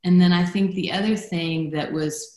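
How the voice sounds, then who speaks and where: A woman's voice: on the low side, fairly even intonation, darkish tone. A woman from Guatemala, a guest speaking reflectively in an interview. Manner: reflective, measured, with fillers. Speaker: guest, former executive director. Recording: echoey room.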